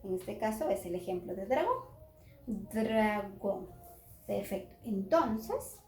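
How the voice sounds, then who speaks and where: A woman teacher giving a children's phonics lesson at a whiteboard, slowly sounding out letters and words. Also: medium pitch, big pitch swings, a little mellow. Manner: slow, drawn-out sounding out of letters. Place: classroom with whiteboard. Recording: echoey room.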